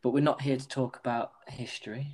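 A man's voice: medium pitch, steady tone, brisk, a little mellow. A man playing a casual football guessing game, thinking aloud and making hesitant guesses. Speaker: quiz contestant. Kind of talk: casual football quiz chat.

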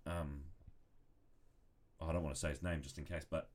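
Very deep-voiced new guy joking around. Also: moderate pace. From New Zealand. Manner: joking, sarcastic, animated. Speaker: podcast co-host. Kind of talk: casual podcast chat.

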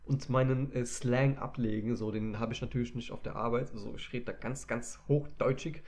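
A man's voice: medium pitch, steady tone, moderate pace, a little mellow. Slangy young man in casual chat. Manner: slangy, drawling, fond of "Alter" and "Digga".

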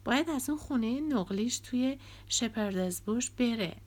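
A woman's voice: medium pitch, vocal fry. A woman reading an audiobook, voicing a bitter, resentful young man who used to be a drummer and speaks with angry sarcasm.

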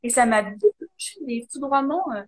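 A woman with a high voice explains her ideas eagerly in a relaxed chat. She stumbles over fillers and restarts as she works her points out. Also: moderate pace. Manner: animated, explaining with many fillers. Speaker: guest, coach. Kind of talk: casual conversation, live video.

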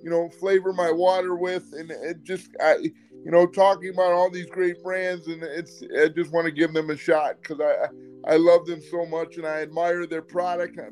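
A man's voice: fairly high pitch, little pitch movement, normal speed, a little mellow, faint music behind. A man who is a guest on a live talk show, effusive and stumbling over repeated restarts as he praises brands. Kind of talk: casual interview chat.

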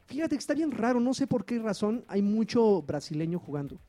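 A man's voice: sits high, big pitch swings, a little fast, a crowd in the background. A Mexican man chatting casually about video games as a podcast co-host. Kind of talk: casual video game chat.

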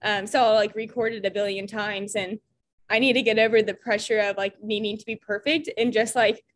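A young woman with a Midwestern American accent chats casually as a podcast co-host. She talks in a loose, self-deprecating way, sprinkling in plenty of "like" fillers. Her voice sits at an ordinary middle pitch. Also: fairly even intonation, a little fast, a little hiss or hum. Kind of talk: casual chat.

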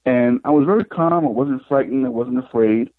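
A middle-aged man, a psychic guest, telling his life story in an interview in an unhurried, reflective way. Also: mid-range voice, dry recording. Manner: unhurried, reflective, retells scenes with quoted dialogue. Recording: tinny phone line.

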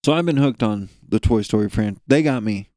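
A man's voice: fairly low pitch, fairly quick, mellow, no room sound, clean studio sound. A young man co-hosting a podcast, ranting in a profane, rambling, jokey way. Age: young adult. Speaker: podcast co-host. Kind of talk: casual rant.

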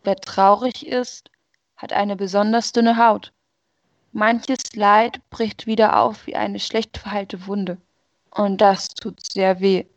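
A woman reading aloud as a sorrowful, rejected female personification of Sadness, in a slow and earnest way. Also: medium pitch, fairly even intonation, no room sound, lo-fi sound. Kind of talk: story reading.

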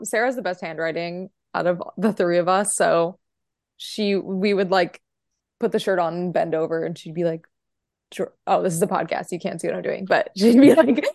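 A woman's voice: lowish voice, creaky, no echo, studio quality. A young woman in a band, chatting as a podcast guest, talkative and giggly. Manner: chatty, giggly, lots of fillers. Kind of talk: casual interview.

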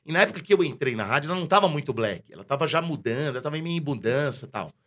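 Lively Brazilian radio announcer telling stories. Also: male voice, fairly high pitch, rapid-fire. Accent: Brazilian Portuguese. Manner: lively, slangy, acts out quoted dialogue. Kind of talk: storytelling in a casual interview.

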